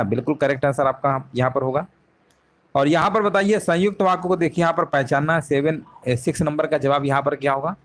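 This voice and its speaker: A male teacher whose voice is somewhat high and a bit bright runs a live online exam-prep class. He works through each question step by step, repeats the answers, and keeps posing rhetorical questions.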